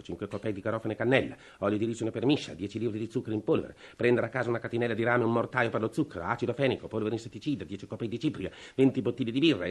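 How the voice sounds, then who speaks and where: An actor playing a desperate, worn-out middle-aged state official with a breathless, pleading manner, in 1950s radio drama. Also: male voice, on the low side, breathy edge. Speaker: worn-out family man begging for a revolver.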